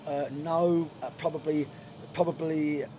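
A little slow and steady in tone, a man with a voice on the high side speaks frankly in a post-match interview. He's a middle-aged football manager in a stadium dugout, using lots of fillers and restarts. Background noise surrounds the handheld reporter mic.

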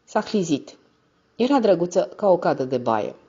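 A woman reading a novel aloud as a steady, measured first-person narrator. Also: on the low side, breathy edge. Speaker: audiobook narrator. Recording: slightly muffled recording.

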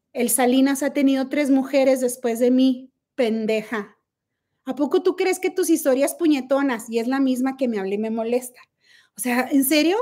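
A woman's voice: high voice, warm tone. A middle-aged woman with a Mexican accent, hosting a casual livestream chat by phone, brash and profane, mocking her critics. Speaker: livestream host.

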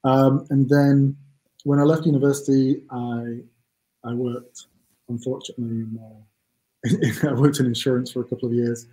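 A Mancunian man in his forties speaks as an interview guest over a webcam call. His voice is dark and mellow, and he talks casually, hesitantly and with self-deprecating asides. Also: mid-range voice, little pitch movement, normal speed, low-quality recording. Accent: Mancunian English. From England. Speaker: CEO guest. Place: home office room. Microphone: video call webcam.

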